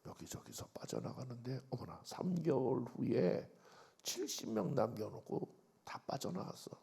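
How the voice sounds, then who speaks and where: An older man preaching a revival sermon as pastor, telling stories and swinging from loud outbursts to hushed asides. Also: mid-range voice, big pitch swings, moderate pace, creaky, husky. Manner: storytelling, acts out quoted voices, swings from loud to hushed.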